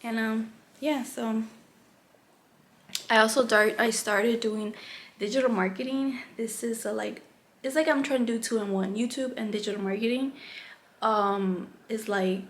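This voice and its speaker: A woman's voice: on the high side, steady tone, measured pace. A young adult woman vlogging in a candid, rambling way, full of "like" and restarts. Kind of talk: casual chat. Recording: echoey room, faint background hum.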